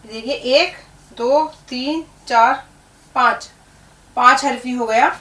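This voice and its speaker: Speaking slowly in a high, bright, forceful voice, a woman gives an Urdu lesson and patiently spells out each word letter by letter. It's recorded with a distant mic in an echoey room.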